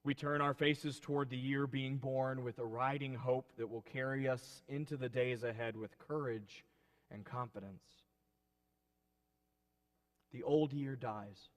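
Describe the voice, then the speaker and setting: Solemn, slow man reading from the pulpit. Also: mid-range voice. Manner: solemn, deliberate, oratorical. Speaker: reader at a church service.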